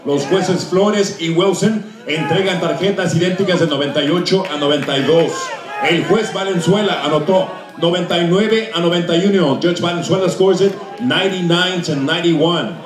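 Male bilingual ring announcer, formal and drawn-out, echoey PA with crowd behind. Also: sits high. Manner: formal, drawn-out, projected delivery. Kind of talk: bilingual boxing ring announcement in English and Spanish. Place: outdoor covered boxing arena at night. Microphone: announcer's PA heard through a spectator's phone. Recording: echoey PA amid crowd noise, phone recording.

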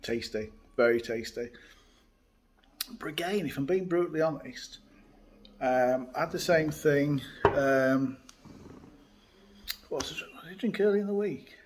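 A man's voice: fairly high pitch, unhurried, pauses often, a little hiss or hum. Chatty man reviewing beer. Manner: chatty, relaxed, frequent uh fillers. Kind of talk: casual beer review chat. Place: indoors by a window in a hotel room.

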